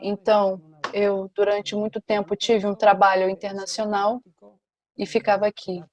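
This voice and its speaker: A woman giving a simultaneous interpretation at a panel, with a steady, measured delivery. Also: mid-range voice.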